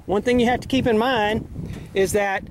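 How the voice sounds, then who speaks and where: A man giving a relaxed, casual fishing how-to while out on a pontoon boat, filled with uhs. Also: high-pitched, moderate pace. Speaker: fishing vlogger. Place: pontoon boat on a windy lake, outdoors. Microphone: handheld camera mic. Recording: heavy wind and boat noise on mic.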